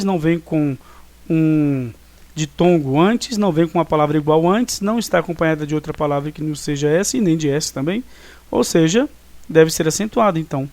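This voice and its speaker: This man's voice is on the high side and a little mellow, recorded with no room sound. Speaking with a Brazilian Portuguese accent, he reviews class material online in an explanatory way, often asking "né?" or "tá?" to check on his students.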